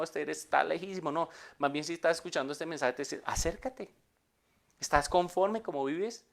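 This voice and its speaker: A middle-aged man, preaching a sermon as pastor, shifting between loud urgent peaks and quiet low asides. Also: vocal fry.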